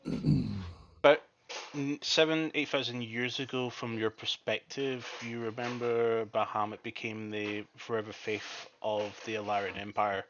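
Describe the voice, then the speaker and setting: Guy dm narrating a dnd dream scene, bright lowish voice, faint hiss. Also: fairly even intonation, a little slow. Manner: descriptive, with shouted quotes of villains. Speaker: dungeon master. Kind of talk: narrating a tabletop game. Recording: dull lo-fi mic with faint noise.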